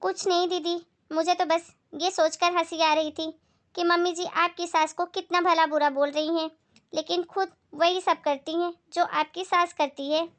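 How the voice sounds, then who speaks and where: A woman's voice: very high voice, little pitch movement, moderate pace. Woman playing a polite, pointed young daughter-in-law. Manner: polite, gently mocking. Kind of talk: family moral skit.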